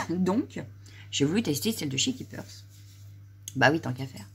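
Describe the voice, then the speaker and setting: A woman's voice: low-pitched, wildly swooping pitch, unhurried, vocal fry, a bit bright, breathy edge. A middle-aged woman showing her craft purchases in a casual haul, chatting with many fillers and a slight frog in her throat. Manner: chatty, lots of "voilà" and fillers. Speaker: crafting vlogger.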